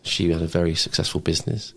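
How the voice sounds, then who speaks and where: Fast-talking and deep-voiced, with vocal fry and a level tone, a former Royal Marine recounts personal stories casually on a podcast. His manner is blokey and informal, and "mate," "man" and "bro" come up often.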